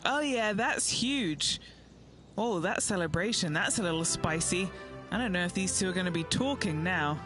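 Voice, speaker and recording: A woman's voice: fairly low pitch, lively intonation, moderate pace, natural voice. A woman voicing a chatty on-course golf commentator with informal reactions. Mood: chatty, engaged. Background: music.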